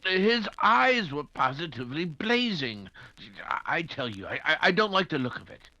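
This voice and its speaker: An actor playing an anxious, stammering gentleman doctor, the detective's loyal companion, in 1940s radio style. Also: fairly high pitch, sing-song, moderate pace, no echo, muffled recording. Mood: worried. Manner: stammering, fretful, old-fashioned gentlemanly. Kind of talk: 1940s radio drama acting.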